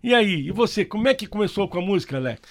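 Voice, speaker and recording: Male host, casual interview, short encouraging replies, animated intonation. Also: sits high, quick pace. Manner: brief encouraging backchannels.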